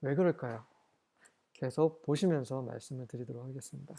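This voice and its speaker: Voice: medium pitch, gravelly, mellow. Bible teacher asking rhetorical questions. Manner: reads English verses slowly, then explains in Korean; asks rhetorical questions and answers them. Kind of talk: Bible study lecture.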